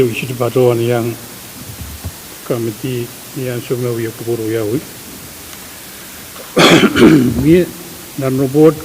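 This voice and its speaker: A man's voice: medium pitch, darkish tone. Male legislator in an echoey, hissy hall. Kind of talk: legislative floor speech. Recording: noisy hiss, echoey hall.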